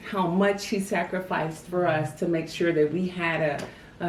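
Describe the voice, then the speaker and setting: A woman's voice: lowish voice, a little mellow, a little hiss or hum. A woman reflecting on family memories in an interview, telling stories with frequent "you know". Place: family home. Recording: roomy sound from a distant mic.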